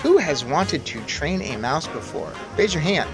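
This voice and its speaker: Over music, a man with a fairly high, sing-song, slightly slow voice hosts a children's storybook read-aloud with casual commentary. He chats enthusiastically and asks questions of his young listeners.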